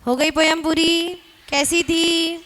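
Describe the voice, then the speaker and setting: A woman teacher in a classroom, leading children in a slow sing-song recitation and urging them to speak up. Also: very high-pitched, flat delivery, fairly bright tone, a little hiss or hum.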